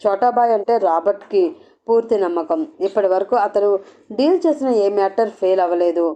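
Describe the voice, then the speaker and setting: A woman narrating an audio novel in a steady, expressive storytelling manner. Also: medium pitch, brisk. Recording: dull lo-fi audio.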